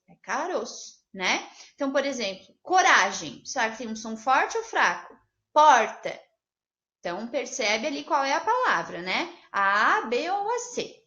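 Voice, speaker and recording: A Brazilian woman teaching a Portuguese lesson to children, upbeat and patient, checking in with the class after each point and drawing out example words slowly. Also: high-pitched, bright, forceful tone. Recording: roomy, slightly dull home video audio.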